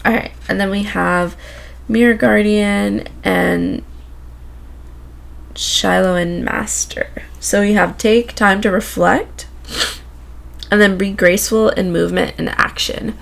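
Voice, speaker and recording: A woman giving a gentle, reflective spiritual card reading from home, with many filler words. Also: mid-range voice, steady tone, measured pace, vocal fry. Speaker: oracle card reader. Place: home room with windows open.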